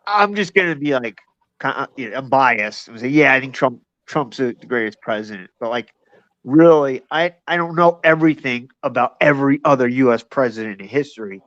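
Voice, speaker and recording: A man's voice: medium pitch, animated, a little fast, a bit bright, no room sound, muffled recording. A man in a casual online debate who rambles and admits he is unsure.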